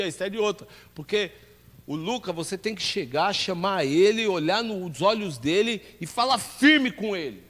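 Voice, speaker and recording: A man's voice: sits high, fairly bright tone. A man with a Brazilian Portuguese accent, a pastor teaching a ministry class in a church, who puts questions to the class and answers them himself. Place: church hall. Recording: long hall reverb.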